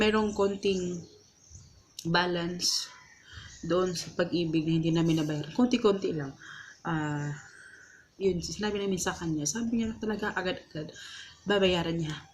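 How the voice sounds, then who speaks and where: A woman's voice: fairly low pitch, a little hiss or hum. A woman vlogger with a Visayan accent telling a personal story in a casual, earnest way, full of fillers and restarts. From Visayas, Philippines.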